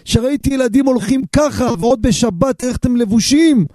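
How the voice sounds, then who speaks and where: A man's voice: extremely high pitch, dark tone, dry recording, studio quality, pitched above the performer's own voice. A man voicing a tearful middle-aged passerby who pleads while sobbing.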